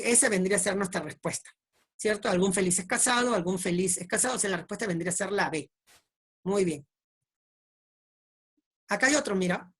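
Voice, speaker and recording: A woman's voice: mid-range voice, slightly rough. A woman teacher explaining logic exercises step by step, often checking in with her students through short questions. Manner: patient, checks understanding with repeated tag questions.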